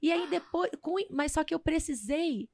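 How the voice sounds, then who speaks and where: Creaky-voiced woman telling a story. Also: high voice, normal speed, no echo. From Presidente Prudente, São Paulo state, Brazil. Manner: animated storyteller who acts out quoted dialogue. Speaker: guest. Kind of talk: personal storytelling in a casual interview.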